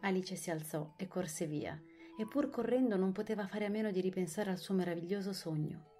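A woman narrating an audiobook of a children's classic, expressive and clear. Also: medium pitch, a little fast, faint music behind.

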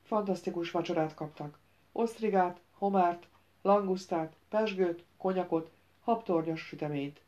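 A woman reads an audiobook in steady, scripted narration. Her voice is a little low. The recording sounds slightly dull and muffled.

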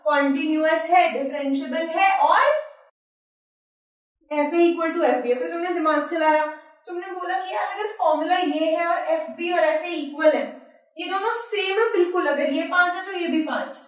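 A woman's voice: very high-pitched, normal speed. A woman maths teacher, giving a chatty whiteboard lecture and talking to her students informally. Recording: echoey room, voice from far off.

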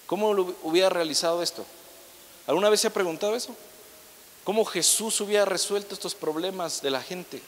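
Chatty young pastor in an echoey hall. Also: male voice, high-pitched, a little hiss or hum. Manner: conversational preaching with humorous asides, acting out quoted people. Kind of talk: sermon. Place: church hall.

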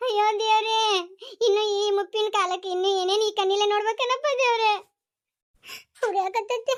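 A woman's voice: very high voice, steady tone, fairly quick. A woman voicing a wailing old village grandmother. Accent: North Karnataka Kannada. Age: over 60. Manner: wailing lament, repeated cries to God.

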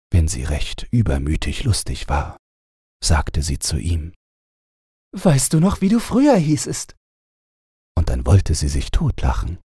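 A man narrating a bedtime fairy tale in a calm storytelling manner. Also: rumbling low, breathy edge, no echo, studio quality. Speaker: audiobook narrator.

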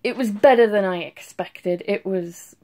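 A woman's voice: mid-range voice, unhurried, darkish tone. A young adult woman who has just been crying gives a casual, gushing video review into a phone held at arm's length in a small room at home. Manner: emotional gushing with restarts and trailing thoughts. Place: small bedroom at home, indoors.

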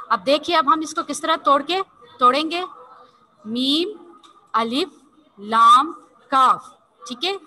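Over a video call, a woman who teaches Urdu runs an online language class in a high-pitched, sharp voice, and the recording quality is low. She spells words out slowly, letter by letter, and patiently coaxes her pupils, checking in with them constantly by repeating "theek hai."

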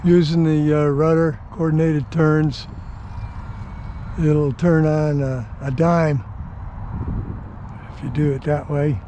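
An older man talks offhandedly in a slightly raised, mellow voice as he flies a model plane outside. His halting remarks are caught on a dull, lo-fi recording. Faint outdoor noise sits behind him. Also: a little high, little pitch movement. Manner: offhand, halting, self-deprecating. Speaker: RC hobby pilot. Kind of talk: casual commentary while flying. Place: outdoors on a windy day.

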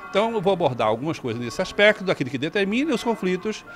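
A man's voice: sits high, very animated, fast talker, fairly bright tone. Lecturer, 60s man, reflective interview, faint music behind. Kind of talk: explanatory interview. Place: indoor event hall. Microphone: handheld reporter mic.

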